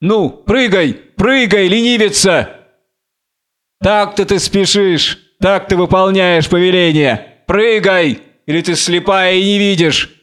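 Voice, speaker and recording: A blind biblical strongman in a fury, as a male reader puts him on, flinging exalted taunts into the dark. His voice rides high and ringing, smooth and resonant. The delivery is wildly theatrical, like an old audiobook drama. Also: slow. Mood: exalted taunting. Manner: wild, exalted, taunting declamation. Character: blind raging biblical strongman Samson, man.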